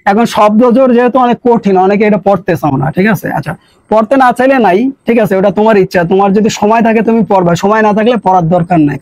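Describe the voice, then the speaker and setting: A man with a high voice runs an exam-prep lesson. He fires a question, answers it himself and repeats the pair several times, in a loose, coaxing, colloquial way. The sound is dry and close. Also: a little mellow, no room sound, poor audio. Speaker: teacher.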